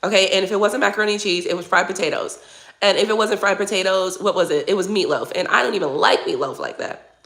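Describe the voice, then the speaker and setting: Feeling under the weather, a tarot reader in her forties keeps clearing her throat while she hosts a live stream, reading comments and casually swearing. She's a fast talker with a mid-range, fairly bright voice edged with gravelly fry at the bottom, and her chat is loose and candid.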